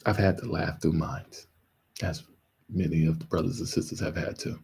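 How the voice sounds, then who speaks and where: A man's voice: deep voice, flat delivery, moderate pace, vocal fry, darkish tone, slightly rough, poor audio. A man hosting a live stream, talking in a loose, rambling, joking way that often breaks into laughs. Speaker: livestream host. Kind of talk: casual livestream commentary.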